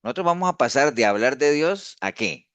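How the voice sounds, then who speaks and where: Lively and a little fast, this pastor's medium-pitched, fairly bright voice comes through without echo. His informal discipleship teaching is conversational, full of restarts and frequent questioning "¿no?" tags.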